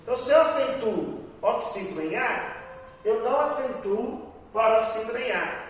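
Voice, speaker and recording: A man's voice: very high-pitched, lively intonation, moderate pace. A man with a Brazilian Portuguese accent teaching grammar in an online class, explaining patiently and often checking in with the class. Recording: very echoey room, voice far from mic, faint hiss.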